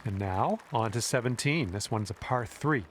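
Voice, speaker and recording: A man playing a calm golf commentator in a video game, encouraging the player directly. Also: medium pitch, normal speed, lightly acted. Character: friendly adult male golf announcer. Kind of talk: scripted golf play-by-play. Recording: game audio with music and crowd. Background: music and crowd noise.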